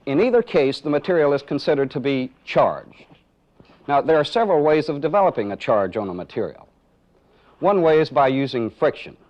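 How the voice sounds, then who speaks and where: With a fairly high, sing-song voice and a brisk delivery, a man narrates a training film, walking through a live demonstration step by step and asking rhetorical questions. The recording has the dull, band-limited quality of 1980s training film audio.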